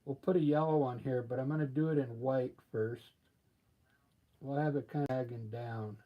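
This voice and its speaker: An artist livestreams himself painting in his home studio, softly mumbling casual commentary as he thinks aloud. His medium-pitched voice is steady and scratchy from singing and allergies, at a moderate pace, picked up by a clip-on mic he just plugged in, and the recording sounds muffled.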